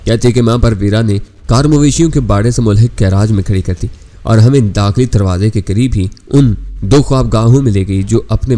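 A man reads a spy novel aloud with a fairly low, mellow voice. He keeps a steady storytelling pace and voices every character without changing his voice. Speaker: narrator. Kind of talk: scripted audiobook narration.

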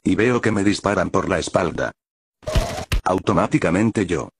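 A man narrating meme captions in a flat, deadpan way. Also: low-pitched, moderate pace, noisy background. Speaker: compilation narrator.

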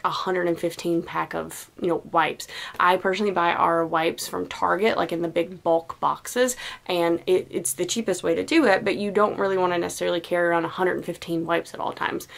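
A woman's voice: fairly low pitch, creaky. A young woman giving casual, chatty practical tips as a mom vlogger, with many "like" fillers. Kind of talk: casual how-to vlog.

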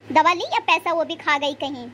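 A high-voiced performer plays a cruel young daughter-in-law in a cartoon family drama, mocking and threatening her mother-in-law. Her voice is very high, with a faint hiss of noise behind it. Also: expressive, moderate pace, pushed and bright. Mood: spiteful. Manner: sneering, threatening. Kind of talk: cartoon voice acting.

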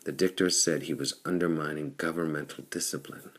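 A man's voice: a bass voice, fairly even intonation, fairly quick, a bit bright. A man reading the lines of a bold adult male pirate chief who speaks in an earnest, determined way.

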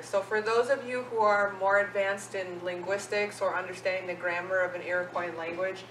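A woman teaching a language lesson at an unhurried pace, pausing often to ask her learners if they follow. Her voice is picked up from some distance off in an echoey room with a faint hiss of background noise. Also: mid-range voice, a bit bright. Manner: patient, asks questions and checks in with "okay?". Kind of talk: classroom-style language lesson. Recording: roomy, echoey sound from a distant mic.

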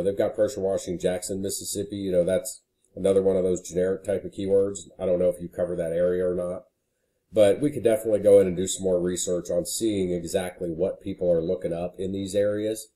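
Low, dark-voiced man explaining casually. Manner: casual and conversational, frequent "you know". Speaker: marketing consultant. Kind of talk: screen-share walkthrough.

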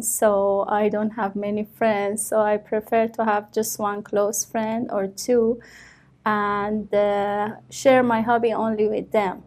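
A woman in her thirties from Iran, speaking with an Iranian accent, answers mock speaking exam questions as a test candidate in a small office. Her voice sits on the high side and is a little mellow, and her answers are full of fillers and restarts.

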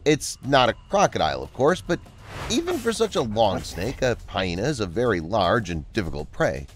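Animated male nature documentary narrator. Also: on the low side, normal speed. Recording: music under the voice. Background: background music.

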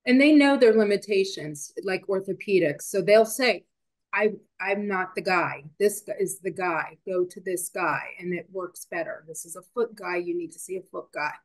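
A woman's voice: mid-range voice, normal speed. A woman moderating a webinar, casually relaying audience questions from the chat with many fillers.

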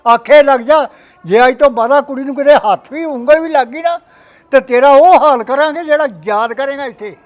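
A man's voice: very high voice, moderate pace. An actor playing a stern father who threatens his son-in-law.

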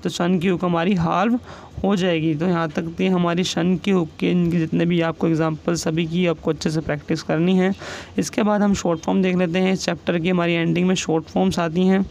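A man with a high, gravelly voice teaches shorthand, saying each example word slowly and repeating it. There is a faint hiss of noise behind him. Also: little pitch movement, a little mellow, rough recording. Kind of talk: classroom explanation.

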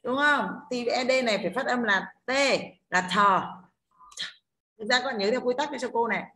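A woman's voice: a little high, fast talker, sharp tone. A woman English teacher with a Northern Vietnamese accent leading an online class, explaining pronunciation rules step by step and checking in often with her students. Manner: explains step by step, keeps checking with "đúng không?".

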